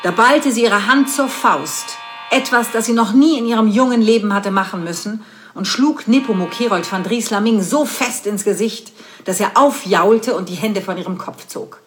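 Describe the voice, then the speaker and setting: A woman reading an adult story aloud in a measured pace, with occasional slips and restarts. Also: mid-range voice, slight background noise.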